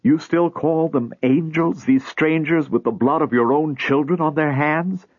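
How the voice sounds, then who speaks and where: A man's voice: a little high, sing-song, normal speed, darkish tone, breathy edge, no echo, pitched above the performer's own voice. A bitter, scornful mother, as a man puts her on. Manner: bitter, anxious. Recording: tinny phone-like dry recording.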